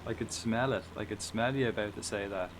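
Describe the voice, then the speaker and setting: A man's voice: on the low side, a little fast, noisy background. A man with an Irish accent giving casual, rambling live commentary while he plays a flight game, swearing and chatting back to viewers.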